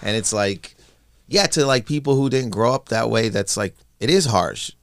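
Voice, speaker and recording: A man in his forties from Canada, a comedian guest in a casual podcast chat, telling family stories in an animated way and acting out relatives' lines. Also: mid-range voice, normal speed, no echo. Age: 40s. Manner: animated storyteller who acts out family members' lines.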